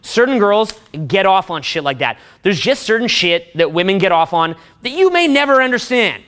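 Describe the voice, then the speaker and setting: A man's voice: high voice, very animated, normal speed, a bit bright, clear, resonant tone. A man giving a profane, boastful talk to a room of men about dating, often laughing at his own stories.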